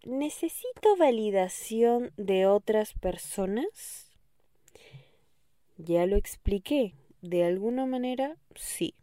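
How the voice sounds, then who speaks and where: A woman's voice: medium pitch, clean tone, no room sound. Affectionate woman podcast host, dry sound. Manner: affectionate, calls listener "mi amor", keeps asking "¿ok?". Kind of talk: advice monologue.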